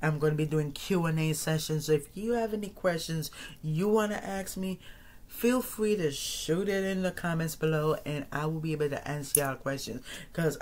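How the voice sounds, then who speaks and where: A man in his thirties hosting his own podcast, talking casually to his audience in a rambling way, repeating phrases and restarting sentences often. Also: on the high side. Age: 30s. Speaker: podcast host. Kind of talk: casual solo monologue.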